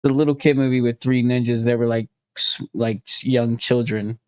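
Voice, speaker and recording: A man's voice: medium pitch, steady tone, normal speed, a little mellow, dry recording. A man hosting a podcast in casual chat, loose and joking with plenty of swearing. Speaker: podcast host.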